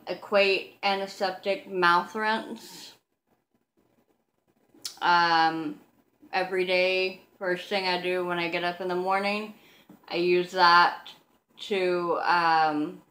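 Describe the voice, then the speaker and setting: A woman in her thirties speaking without teeth, with soft slurred articulation, chatting casually and a little self-consciously to her camera. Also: fairly low pitch. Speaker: vlogger. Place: living room, seated on a couch indoors. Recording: roomy, echoing home recording.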